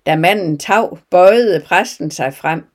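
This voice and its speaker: A woman telling a parable and then reflecting on it in a calm, measured devotional talk. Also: lowish voice. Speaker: devotional speaker. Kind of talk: storytelling sermon.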